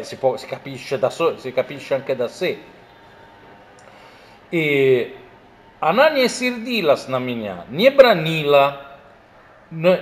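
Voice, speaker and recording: A man gives a literature lecture in a slightly higher-than-usual voice. He talks in a rambling, explanatory way, restarting phrases and dropping fillers as he reads quoted passages. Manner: explanatory, digressive, many fillers and self-corrections, reads Russian quotes aloud. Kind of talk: university-style lecture reading and explaining a Russian text.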